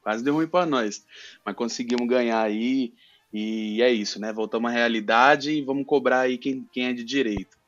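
A man's voice: medium pitch, moderate pace, highs cut off, faint music behind. A man on a podcast panel chatting casually about football, using slang and repeating his phrases.

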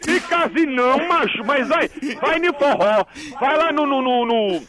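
A man's voice: very high voice, expressive, a little slow, heavy background noise. A man voicing a boisterous, teasing Northeastern Brazilian radio character, with stammering repetitions, folksy slang and mock insults. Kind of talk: comic radio banter with a caller.

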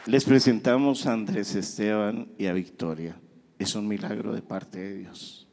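A man's voice: fairly low pitch, fairly even intonation, measured pace, vocal fry, darkish tone, a little hiss or hum. A man telling a church testimony in a conversational way, quoting what others said. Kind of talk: testimony storytelling.

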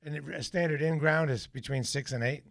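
A man's voice: on the high side, normal speed, gravelly, no echo, studio quality. A male radio talk show host interviewing guests, asking pointed questions in a casual way. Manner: curious, asks pointed questions.

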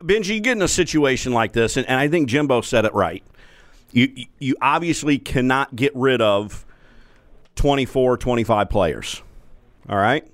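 Easygoing, agreeable male sports talk co-host; mid-pitched, halting, dry close sound. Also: animated, dry recording. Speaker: podcast co-host. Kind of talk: sports talk show chat.

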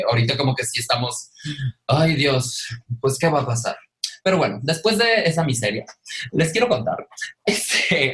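A man with a Mexican accent co-hosting a casual chat, telling an animated story full of fillers and exclamations. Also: medium pitch. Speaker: podcast co-host.

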